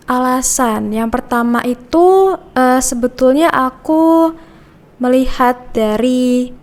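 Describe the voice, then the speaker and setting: Brief: young female student guest from Indonesia, higher voice, measured and polite. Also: darkish tone. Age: young adult. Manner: polite, measured answers with short agreements. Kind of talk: casual podcast interview.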